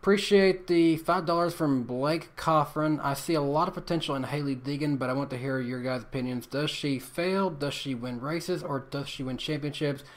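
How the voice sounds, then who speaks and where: A man's voice: on the high side, moderate pace, few pauses. A man hosting a casual live stream, reading viewer messages aloud and often stammering on repeated words. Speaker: podcast host reading super chats.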